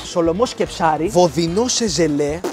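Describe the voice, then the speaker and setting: A young man hosting a casual vlog, talking in an animated, playfully exaggerated way. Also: fairly high pitch. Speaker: vlogger host. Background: background music.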